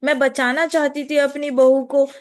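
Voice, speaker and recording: A woman's voice: high voice, little pitch movement, normal speed, lightly acted. A woman voicing an anxious old mother-in-law who frets and pleads in a raised, wailing voice. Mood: lamenting. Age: older.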